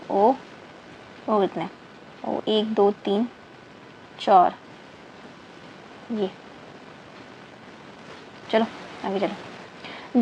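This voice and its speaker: In a low-quality recording with faint background noise, a woman with a fairly high, slightly mellow voice teaches an online chemistry class. She counts aloud, spells words letter by letter, repeats terms, and mixes in English terms while checking in with her students using "thik hai na".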